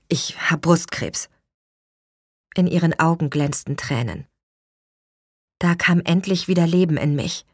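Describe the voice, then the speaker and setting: A woman's voice: low-pitched, moderate pace, long pauses, darkish tone, no echo, studio quality. A woman narrating an audiobook in the first person, telling the story vividly and voicing the dialogue.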